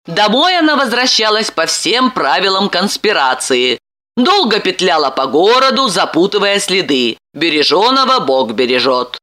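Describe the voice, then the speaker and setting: A woman reading an audiobook aloud in an expressive way, acting out the characters' lines as she goes. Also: mid-range voice, normal speed. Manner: lively, voices characters' lines. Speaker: audiobook narrator.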